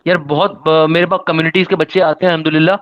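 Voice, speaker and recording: A man's voice: fairly high pitch, flat delivery, very fast, highs cut off. A man, a test-prep teacher giving an upbeat guidance lesson and rattling off lists of students.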